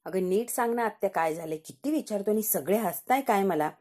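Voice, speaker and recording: A man's voice: high voice, animated, brisk, darkish tone. A woman voicing a flustered, embarrassed adult man from a TV serial who keeps pleading to be told what happened. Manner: pleading, insistent questions.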